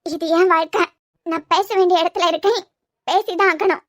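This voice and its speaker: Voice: very high voice, fairly even intonation, moderate pace, fairly bright tone, no room sound, studio quality. A voice artist playing a tearful, stubborn young wife in a cartoon serial, with a Kanyakumari Tamil accent. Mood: defiant. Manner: pleading yet stubborn.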